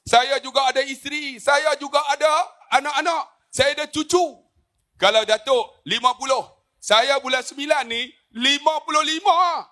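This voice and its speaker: A man in his 50s with a very high-pitched, pushed and bright voice speaks at normal speed. On a religious forum panel, he gives a jokey talk packed with stories and frequent asides to the audience.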